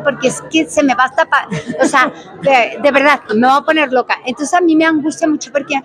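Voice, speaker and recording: Animated older Mexican woman, high voice. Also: rough recording. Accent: Mexican Spanish. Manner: animated, emphatic, chatty storytelling. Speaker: talent show judge, interviewee. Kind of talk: answering reporters in a press interview.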